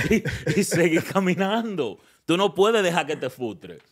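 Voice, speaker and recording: A man's voice: high voice, big pitch swings, a little slow, no room sound, clean studio sound. A man giving frank dating advice in a casual chat, joking and often laughing as he acts out lines. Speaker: guest relationship advisor.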